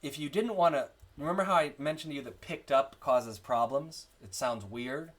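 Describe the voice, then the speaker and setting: A man's voice: a little high, moderate pace. A man explaining how to chant readings, talking with many fillers and restarts while walking through his marked-up text. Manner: breaks into sung chant examples. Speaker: church music instructor. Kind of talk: screen-share chant tutorial.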